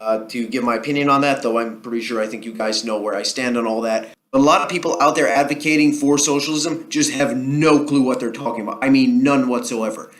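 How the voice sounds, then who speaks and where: A man with a New Jersey accent talks straight to his audience in a casual solo commentary. He argues his case in a rambling, conversational way, circling back with ums and restarts. His voice sits at an ordinary middle pitch. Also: fairly quick, few pauses. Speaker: political commentary vlogger.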